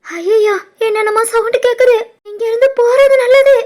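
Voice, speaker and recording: A woman voicing a quick-tempered older mother-in-law who scolds and shoos the family away in an animated family story. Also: extremely high pitch. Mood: fretful. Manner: sharp scolding, shooing people off.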